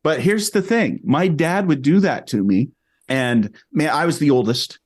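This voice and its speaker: A man, a podcast guest, telling a story in an animated, rambling way with many restarts. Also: a little high, measured pace, dry recording, clean studio sound. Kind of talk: casual storytelling.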